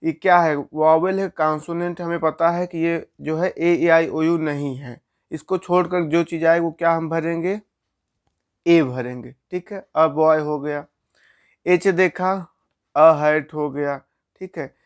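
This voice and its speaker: A man's voice: on the high side, steady tone, a little slow, smooth. A man teaching a grammar lesson, explaining step by step and asking questions he answers himself.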